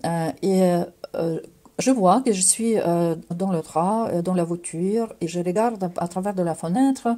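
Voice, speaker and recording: Earnest Ukrainian woman, mellow and halting. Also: lowish voice. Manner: earnest, halting, many fillers and restarts. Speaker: believer giving testimony. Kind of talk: personal religious testimony.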